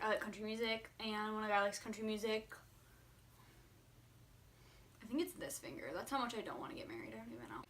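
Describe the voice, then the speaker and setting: A woman in her early twenties chats to her viewers in a vlog style. Her voice is bright and sits a little high. She is candid and very informal, leaning heavily on "like" as she thinks out loud. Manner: candid, informal, filler-heavy with frequent "like". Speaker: vlogger answering viewer questions. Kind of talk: casual chat to camera.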